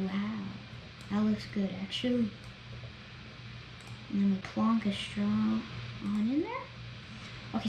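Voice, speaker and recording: A woman talking through a video game as she plays, chatty and excitable, narrating each step. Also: fairly high pitch. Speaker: gameplay vlogger. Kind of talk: gameplay commentary. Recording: roomy echo, faint background noise.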